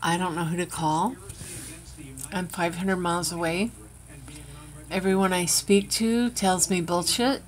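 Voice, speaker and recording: This candid vlog features a woman with a voice on the low side, unhurried and steady, pausing often. She rambles and vents frankly as she tells a personal story to her own camera, adjusting it herself.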